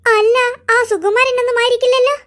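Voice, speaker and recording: Squeaky bickering cartoon kids. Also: female voice, steady tone. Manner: quick bickering banter in squeaky voices. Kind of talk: comic cartoon voice acting.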